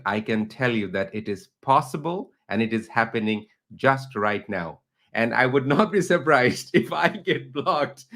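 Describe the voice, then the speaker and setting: A man's voice: mid-range voice, fairly bright tone. A middle-aged man from Bangladesh, a teacher and researcher, interviewing a guest online with long, earnest questions. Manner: earnest, builds up long questions, rising emphasis.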